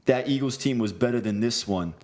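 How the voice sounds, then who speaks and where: A man's voice: medium pitch, a little fast, darkish tone, natural voice. A man reading out hate mail as a trash-talking Boston sports fan, in a clumsy attempt at a Boston accent. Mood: taunting. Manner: mocking, stumbling read-aloud.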